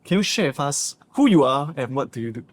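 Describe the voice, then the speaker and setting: A man's voice: mid-range voice, very animated, a little fast. A man hosting a podcast interview, friendly, asking leading questions and summing up answers. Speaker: podcast host. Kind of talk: casual interview chat.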